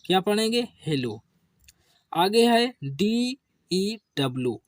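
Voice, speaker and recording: Slow, patient male teacher. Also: very animated, no room sound, studio quality. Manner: asks questions and answers them himself, drops low on each answer; addresses viewers as children. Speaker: English teacher. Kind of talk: slow classroom-style spelling lesson.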